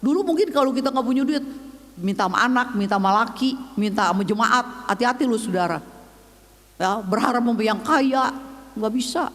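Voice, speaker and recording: A woman's voice: on the high side, fairly quick. Older woman preaching in an echoing hall. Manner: lively storytelling, switching voices for quoted people. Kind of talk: testimony sermon. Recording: long hall reverb.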